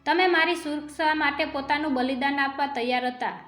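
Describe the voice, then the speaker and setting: Devoted young wife, heartfelt, storybook heroine, read by a woman, high bright voice, echoey room. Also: fairly even intonation, brisk. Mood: tender. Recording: echoey room with faint music.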